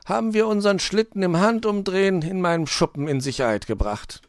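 A man's voice: sits high, a little fast, dry recording, studio quality, pitched above the performer's own voice. A man doing a grumbling, sly fox. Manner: grumbling, fake-cheery when caught. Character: grumpy flustered male fox thief. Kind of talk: storybook read-aloud.

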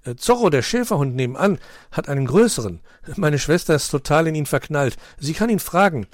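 A man doing a loud teasing husky. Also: on the high side, expressive, brisk, no echo, studio quality, pitched above the performer's own voice, close to an everyday voice. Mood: thoughtful. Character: boisterous male husky, mocking.

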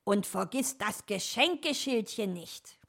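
A woman's voice: mid-range voice, expressive, unhurried, creaky, a bit bright, pitched above the performer's own voice, full character voice. A woman voicing a sly male fox in a storybook, scheming and pleased with his own plans.

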